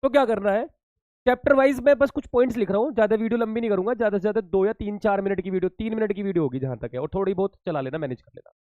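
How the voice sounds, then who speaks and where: A man's voice: high-pitched, racing, darkish tone, no echo. A man teaching commerce students in a casual exam-tips lesson, chatty and reassuring, calling them beta.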